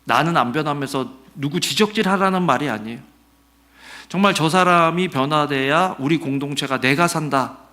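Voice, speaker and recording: A middle-aged man preaching a Sunday sermon as pastor, conversational and animated, asking the congregation questions and acting out quotes. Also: fairly high pitch.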